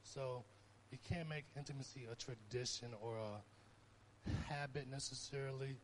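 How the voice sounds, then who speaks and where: A young man preaching in a relaxed, conversational way, with a voice of ordinary pitch. He tells personal stories and pushes his voice up for emphasis. Faint hiss sits behind him. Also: a little slow. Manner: conversational, animated storytelling with rising emphasis. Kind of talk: informal sermon.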